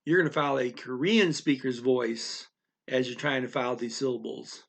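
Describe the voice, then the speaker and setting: The man's voice is gravelly and mid-range, fairly even in intonation and moderately paced. He is a native English-speaking language teacher delivering a loose, rambling lesson directly to the learner, restarting frequently and checking in with repeated "okay?".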